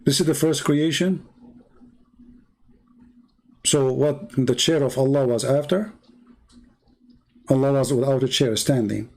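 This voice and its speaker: Speaking English as a second language, this Arabic-accented man argues his case as a religious debate commentator, his grammar broken and his polemic laced with sarcastic rhetorical questions. The medium-pitched, slightly mellow voice moves a little slowly with fairly even intonation, vocal fry, and frequent pauses.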